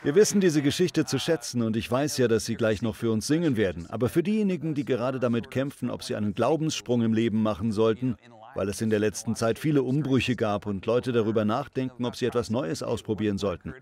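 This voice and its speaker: A man's voice: mid-range voice, fast, mellow. A man hosting a faith talk show, introducing and interviewing a guest in an upbeat, encouraging way.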